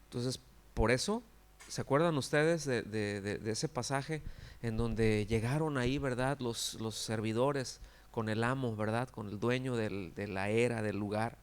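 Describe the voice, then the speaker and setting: Male pastor, mid-pitched, chatty preaching that keeps checking in with the congregation. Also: measured pace, clean tone. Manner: conversational preaching, frequent rhetorical questions; acts out quoted characters with exaggerated cries. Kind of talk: sermon.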